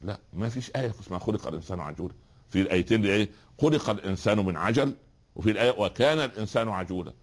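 Fast, low-voiced man teaching. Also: expressive. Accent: Egyptian Arabic. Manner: explaining with rhetorical questions and repeated examples. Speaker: religious teacher. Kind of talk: spoken lesson on Quran recitation.

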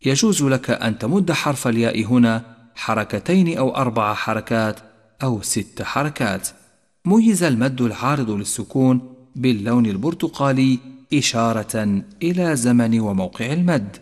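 A man teaching Quran recitation rules, explaining calmly and chanting the examples slowly. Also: medium pitch. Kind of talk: tajweed lesson with slow recited examples. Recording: long reverb.

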